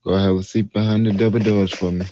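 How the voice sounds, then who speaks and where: A man's voice: lowish voice, little pitch movement, fast talker, mellow. A man acting as a police recruiter in a roleplay game, giving curt, repeated commands. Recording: muffled voice chat with faint noise.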